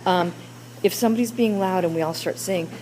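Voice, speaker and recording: A woman's voice: fairly low pitch, fairly quick, background noise. A woman teacher leading a classroom discussion with children, coaxing them with question after question.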